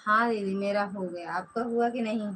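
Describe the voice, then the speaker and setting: On a low-quality recording with a little hiss or hum, a woman speaks at normal speed in a medium-pitched, slightly bright voice. She hosts a casual live stream from her Pratapgarh, Uttar Pradesh home, with an Awadhi-tinged Hindi accent. Chatty, she lengthens her words and calls out viewers by name one at a time.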